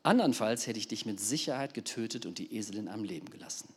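A preacher voicing a stern, commanding angel. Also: male voice, fairly low pitch, animated, fast, slightly rough. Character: stern angel with a drawn sword. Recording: long reverb of a large hall.

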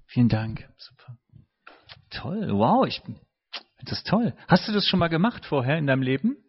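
A man with a slightly high voice leads a relaxed group discussion. He asks short questions and keeps up steady praise. The recording sounds dull and lo-fi. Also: slightly rough. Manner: encouraging, quick praise. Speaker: group leader.

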